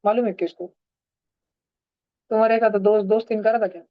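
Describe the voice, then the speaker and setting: A man's voice: high voice, steady tone, brisk, no echo. A man, teaching science in an online class and teasing his students. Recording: dull, dry online-class audio.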